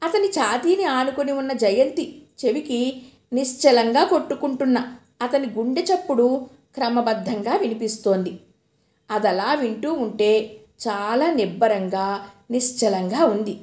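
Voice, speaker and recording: A woman narrating a novel as an audiobook reader, in a steady storytelling manner. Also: on the high side, measured pace. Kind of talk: novel reading. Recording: roomy echo.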